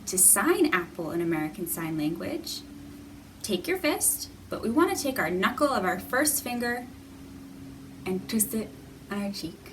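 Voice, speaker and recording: In a library room, a woman leads storytime for young children, teaching and reading a picture book aloud with simple, repetitive, encouraging phrases. Her medium-pitched voice is sing-song and a bit bright, at a normal speed. The mic is distant and the room noisy.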